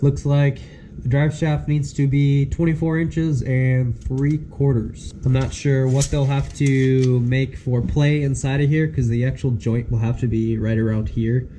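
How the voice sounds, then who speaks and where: Sick male DIY vlogger, nasal and stuffy, dark easygoing tone, home workshop shed. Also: mid-range voice, measured pace, a little hiss or hum. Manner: relaxed, explains step by step as he works. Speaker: host. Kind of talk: casual DIY car-build vlog.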